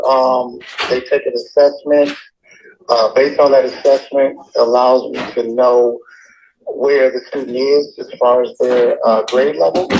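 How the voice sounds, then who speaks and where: A man's voice: medium pitch, darkish tone. A man working as a GED instructor, heard over a speakerphone, explaining things with many fillers and restarts. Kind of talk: casual explaining on a phone call. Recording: dull speakerphone line with faint noise.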